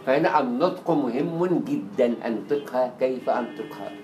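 A man with an Egyptian Arabic accent giving a lecture on Arabic writing. He is animated, acts out quoted dialogue and repeats words to drill pronunciation. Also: medium pitch, moderate pace, dull audio, soft background music. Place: lecture hall. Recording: echoey lecture room with faint hiss.

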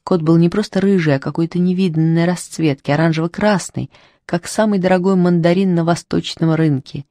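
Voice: medium pitch, fairly even intonation, brisk, dark tone, no echo. Dry close-miked storybook narrator. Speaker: audiobook narrator.

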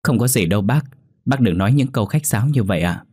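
A man voicing a gentle, polite young woman who speaks deferentially. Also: mid-range voice, expressive, quick pace, breathy edge, dry recording, studio quality.

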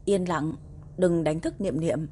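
A woman voicing a tender, quiet husband in a romance audiobook, speaking softly in a low, mellow voice. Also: takes it slowly, slight background noise. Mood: dry. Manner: soft-spoken, gentle.

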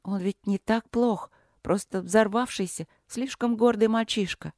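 A narrator voicing a gentle young wife who pleads carefully and softly. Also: mid-range voice, steady tone, unhurried, no room sound, studio quality, pitched above the performer's own voice, natural voice. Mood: pleading. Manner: careful, soft-spoken pleading.

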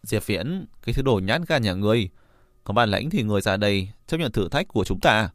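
A brash young martial challenger hurls loud, mocking taunts in a low voice, as a man reads him. The sound is dry and close to the mic, with no room around it. The jeers stay cocky and full of scorn throughout. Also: expressive, a little fast, no echo, close to an everyday voice. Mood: taunting.

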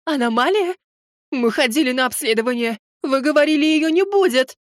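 A man's voice: extremely high pitch, lively intonation, a little fast, dry recording, studio quality, pitched above the performer's own voice. A man voicing a frightened young mother who has just given birth, pleading with the doctor.

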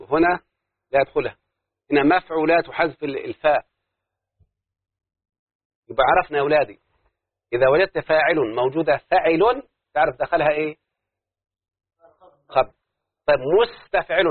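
A man's voice: on the high side, dry recording. A man with an Egyptian accent teaching a classroom lesson, who keeps quizzing his students on whether they follow. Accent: Egyptian Arabic. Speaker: teacher of Arabic prosody. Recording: dry, narrow phone-like lo-fi sound.

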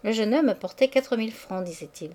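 A woman reading a classic novel aloud in a measured, expressive narration. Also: a little high. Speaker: audiobook reader.

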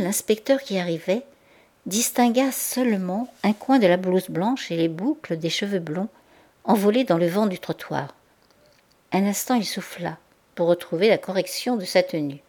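Woman reading a classic novel aloud. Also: fairly low pitch. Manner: measured, expressive reading. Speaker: audiobook reader.

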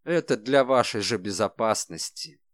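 A man voicing a shrewd, calm detective who speaks in a measured, ironic way, in an audiobook. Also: on the low side, no echo, studio quality, close to an everyday voice.

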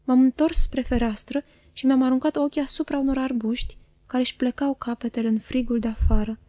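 A woman reading a novel aloud in calm, even storytelling narration. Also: high-pitched, no echo. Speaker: audiobook reader.

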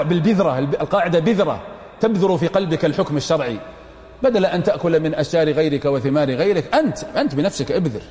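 Middle-aged Saudi-accented male sheikh, emphatic mosque lecture, high, quick delivery, reverberant hall. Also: darkish tone. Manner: emphatic, repeats phrases for stress, addresses students directly. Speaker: Islamic scholar teaching jurisprudence.

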